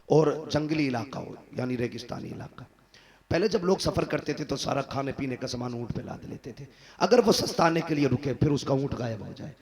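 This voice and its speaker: A man preaching a fervent religious sermon, swinging from loud exhortation to low, earnest tones. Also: creaky. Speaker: Islamic preacher. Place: madrasa gathering.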